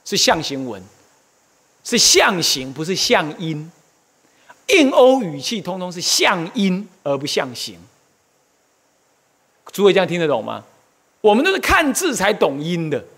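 A man's voice: high-pitched, a little slow, pauses often, slightly rough. A male Buddhist monk gives a lecture on Buddhist history, often asking his listeners questions and exclaiming. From Taiwan. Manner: animated, asks the audience questions, exclaims often.

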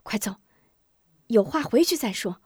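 A woman voicing a worried widowed mother who scolds her son in a hushed voice. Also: a little high, lively intonation, unhurried, breathy edge, no echo, clean studio sound, heavily acted. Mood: hushed worry.

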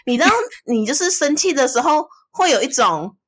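A woman co-hosting a casual chat podcast, with a slightly high voice. She reacts with quick exclamations and repeats words for emphasis. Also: sing-song, a bit bright. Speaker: podcast co-host.

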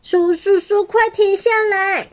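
A woman voicing a small, gentle young dinosaur in a storybook, pleading and stammering. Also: extremely high pitch, fairly even intonation, a little slow, pitched above the performer's own voice.

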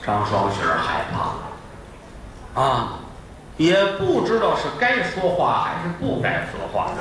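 A man's voice: a little high, wildly swooping pitch, unhurried, noisy background. A middle-aged man telling a comic traditional story with playful asides on a live stage, recorded from a distance in an echoey hall.

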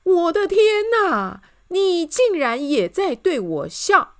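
A tearful king wails in a shrill, sobbing voice, as a woman storyteller puts him on. His voice leaps way up high and swings wildly between shock and crying. It is a children's storybook reading. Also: big pitch swings, slow, fairly bright tone, exaggerated voice. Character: weepy, easily shocked male king.

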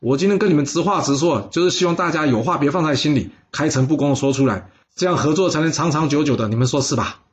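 A man's voice: a little high, quick pace, hardly any pauses, lo-fi sound, lightly acted. A man voicing an overconfident ancient warlord who laughs off every warning in a jovial, brash way. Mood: cocky.

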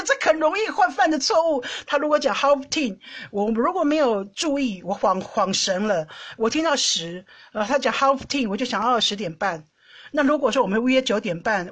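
A woman hosting a podcast, telling everyday stories in a casual monologue, animated and often laughing, with many repeated words and restarts. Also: on the high side, slightly rough. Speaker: podcast host. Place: lives in the Netherlands.

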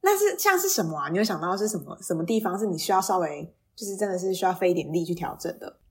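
Female podcast interviewer, Taiwanese Mandarin accent, husky tone, animated intonation, inquisitive. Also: lowish voice, quick pace. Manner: curious, reacts and asks follow-up questions. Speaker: podcast host. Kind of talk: casual conversational interviewing.

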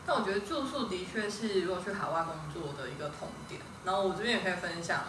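A woman hosting a podcast, asking questions in a relaxed, encouraging manner. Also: fairly low pitch, quick pace. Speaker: podcast host. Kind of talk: casual interview chat. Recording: roomy, distant mic with noticeable noise.

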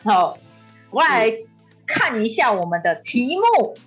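A woman with a Taiwanese accent hosting a talk show in a lively, casual style. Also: a little high, slow pace, faint music behind.

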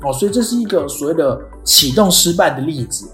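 A podcast host talks through an idea like a relaxed lesson, pausing on "哦" and slipping into short acted examples. The voice sits at a middling pitch. It is heard in a roomy, echoing space with faint music underneath. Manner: explains step by step, frequent "哦" fillers, acts out quoted lines. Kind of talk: explanatory podcast lecture.

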